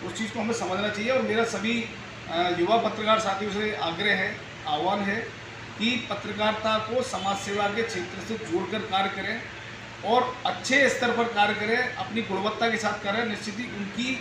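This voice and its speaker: A man's voice: sits high, fairly even intonation, moderate pace. A man answering interview questions about journalism in an earnest, explanatory, lecturing way, recorded in an echoey room with background noise. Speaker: speaker on journalism.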